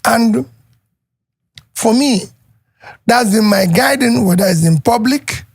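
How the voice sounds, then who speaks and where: A husky-voiced speaker gives earnest advice in an interview. The delivery is pious, and the sound is close and dry. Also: mid-range voice, expressive, slow pace, no echo.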